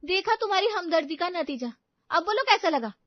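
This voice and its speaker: A woman voicing a quarrelsome middle-aged housewife who scolds sharply and loudly. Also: very high voice, fast talker, no echo, highs cut off, pitched above the performer's own voice. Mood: shrill scolding.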